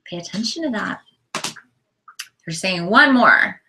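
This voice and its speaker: A woman giving a live tarot reading, earnest and emotional, reading card texts aloud and often dropping to a soft whisper. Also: mid-range voice, lively intonation, a little slow, a little hiss or hum, low-quality recording. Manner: spiritual, chatty, reads card texts aloud. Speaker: tarot reader.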